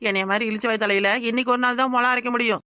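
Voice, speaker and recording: A woman voicing an outspoken young village woman in a cartoon, with a southern Tamil Nadu rural accent, who shouts and scolds. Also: fairly high pitch, steady tone, rapid-fire, clear, resonant tone, dry recording, clean studio sound. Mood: mocking. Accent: southern Tamil Nadu rural dialect. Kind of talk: cartoon voice acting.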